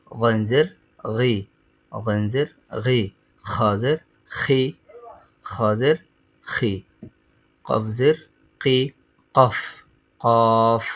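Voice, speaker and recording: A man teaching Quran letter sounds, saying each letter and its vowel twice in a slow, deliberate drill. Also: mid-range voice, fairly bright tone, rough recording. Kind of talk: slow recitation lesson.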